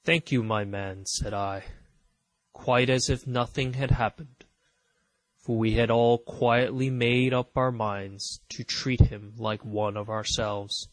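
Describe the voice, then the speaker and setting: A male narrator reads an adventure story in a slow, measured, even style. His voice sits at a middle pitch. The recording is close and dry, with no room echo. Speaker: audiobook narrator. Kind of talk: scripted audiobook narration.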